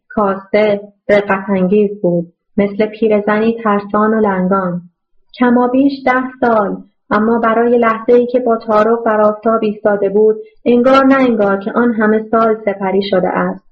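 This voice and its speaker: A woman's voice: medium pitch, steady tone. Woman narrating a novel, muffled audio.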